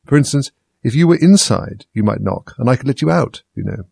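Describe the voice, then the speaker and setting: A man voicing a solemn, slow-witted frog footman who talks in a flat, unbothered way. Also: medium pitch, creaky, slightly rough, no echo, heavily acted.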